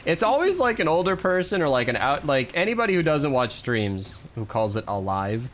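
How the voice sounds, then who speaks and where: Lively, rambling male streamer. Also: on the high side, normal speed, slight background noise. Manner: animated, rambling, laughs often; self-deprecating. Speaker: live streamer. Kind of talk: casual live-stream chat while gaming.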